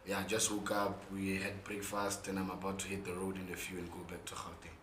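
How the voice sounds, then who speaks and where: Young male, South African accent. Hoarse, lowish voice, emphatic casual talk, roomy sound with faint noise. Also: monotone, brisk, a bit bright. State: hoarse from gigs the day before. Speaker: interview guest, content creator and musician. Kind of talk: casual interview chat. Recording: echoey room with faint background noise.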